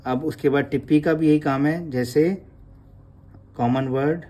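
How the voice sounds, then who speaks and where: A man's voice: fairly high pitch, steady tone, a little mellow. A man teaching Gurmukhi script. He explains patiently and draws out each letter sound, addressing the class respectfully. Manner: slow, patient, drawn-out letter sounds, calls listeners sangat ji. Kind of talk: slow classroom explanation with prayer.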